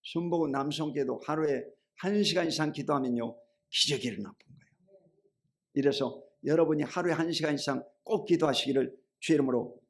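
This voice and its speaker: A middle-aged male pastor preaching a sermon, asking the congregation rhetorical questions and calling for amens, telling homely stories in a chatty way that swings between loud and low. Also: brisk. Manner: colloquial storytelling, shifts between loud and low.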